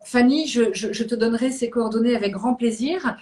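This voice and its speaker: A woman's voice: a little high, moderate pace, a little mellow. A woman from Réunion hosting an interview and relaying viewer questions. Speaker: host.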